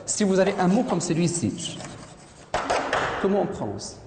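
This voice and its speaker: Low-voiced woman teaching a class. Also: sing-song, moderate pace. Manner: questioning, corrects pronunciation, repeats answers. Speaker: French teacher. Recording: echoey classroom with loud noise.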